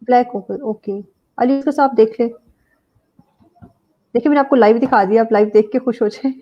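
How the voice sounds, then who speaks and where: A woman host with a Pakistani Urdu accent, running a live stream interview and briskly reading out viewer questions. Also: fairly high pitch, lo-fi sound.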